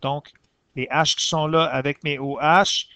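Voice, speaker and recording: Quebec French male teacher, gravelly and slightly high, dry close sound, methodical step-by-step explainer. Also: fairly even intonation, pushed and bright, no echo. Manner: methodical, explains step by step, pauses to correct himself. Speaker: science teacher. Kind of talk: walking through exercise corrections.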